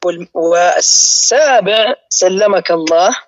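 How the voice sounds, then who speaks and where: A man teaching a lesson on word patterns, who speaks slowly and repeats each pattern for his students. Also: sits high. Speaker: teacher of Arabic morphology. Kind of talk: live online lesson. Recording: muffled lo-fi audio.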